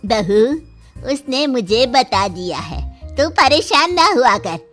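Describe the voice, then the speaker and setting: A woman voicing a calm, patient elderly mother-in-law in a cartoon, gently scolding. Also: on the high side, slow, soft background music, full character voice. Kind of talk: cartoon voice acting.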